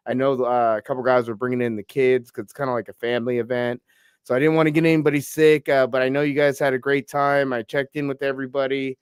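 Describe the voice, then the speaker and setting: Fast, smooth and flat in delivery, a medium-pitched male voice comes through with no echo in studio quality. The speaker is a young Pacific Northwest American hosting a laid-back combat-sports podcast, a bit congested with a cold, and his casual interview chat is packed with fillers and "bro."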